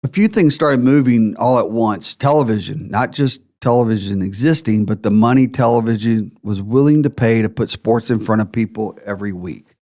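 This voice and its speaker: A man's voice: on the low side, normal speed, darkish tone. A man hosting a retirement planning podcast, explaining figures step by step with emphasis.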